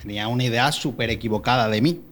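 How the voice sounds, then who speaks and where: Speaking fast in a medium-pitched, slightly bright voice, this young man shares a personal faith testimony in casual podcast conversation, hesitating and restarting often. Born in Mexico and raised in Spain, he has a Málaga accent mixed with Mexican traces.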